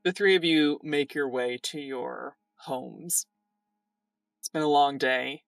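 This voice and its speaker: A woman narrating a tabletop game as game master, in calm, descriptive narration. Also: deep voice, slow pace, vocal fry, dry recording, studio quality, distant mic.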